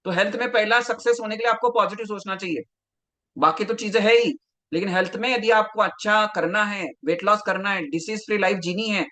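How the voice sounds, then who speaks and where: A man's voice: high voice, bright, forceful tone. A man, a health coach giving a live online masterclass, talking straight to viewers and reading out their names from the chat.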